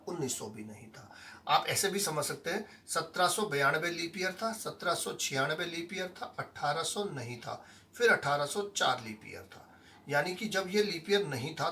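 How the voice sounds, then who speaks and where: Male teacher with a very animated, up-and-down delivery who checks in with his students constantly. The mic sits far from him. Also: on the high side. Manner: keeps asking the class questions and checking they follow; mixes English words and phrases into his explanations. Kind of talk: online lesson explaining calendar tricks. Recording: voice sounding distant from the mic.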